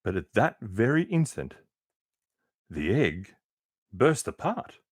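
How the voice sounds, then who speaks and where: A man reading a children's picture book aloud with expressive, unhurried storytelling and casual asides. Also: fairly low pitch, dry recording. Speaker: reader.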